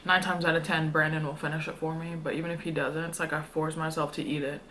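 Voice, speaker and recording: A woman's voice: low-pitched, flat delivery, fast, a bit bright, a little hiss or hum. A young woman chatting casually to her viewers as a food vlogger, in an informal, slangy, rambling way. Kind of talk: casual mukbang chat to viewers.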